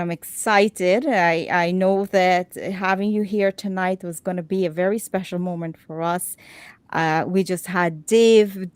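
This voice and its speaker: A talk show host with a lowish voice chats casually with her guests, often repeating words as she gets her sentences going. The recording is dry.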